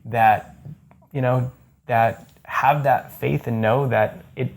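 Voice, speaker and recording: Guy in his 30s hosting, super pumped, rambly, lots of like and um, normal pitch. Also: steady tone, slow, creaky. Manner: enthusiastic, rambling with frequent likes and restarts. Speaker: host. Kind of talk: casual chat to camera.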